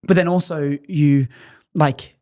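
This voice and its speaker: A man's voice: fairly high pitch, steady tone, slow pace, warm tone, no room sound, studio quality. A man hosting a podcast interview, chatty and thinking aloud with plenty of fillers. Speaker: podcast host. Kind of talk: casual interview.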